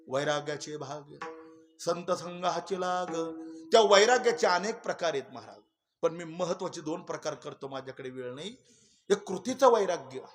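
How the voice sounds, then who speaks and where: A man preaching a kirtan sermon, telling stories and swinging between loud exclamations and hushed asides. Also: sits high. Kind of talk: Marathi kirtan sermon with storytelling.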